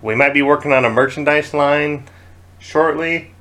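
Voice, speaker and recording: A man co-hosting a casual podcast, relaxed and teasing, with casual swearing. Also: on the high side, normal speed. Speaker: podcast co-host. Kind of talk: casual chat.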